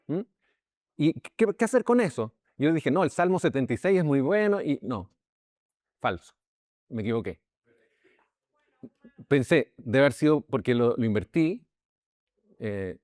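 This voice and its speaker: Speaking with a Chilean accent, a man leads a Bible lesson as a pastor in a relaxed, conversational style, checking on his listeners often. His sentences restart and words repeat frequently. The medium-pitched voice comes through clean, studio-quality, with no room sound.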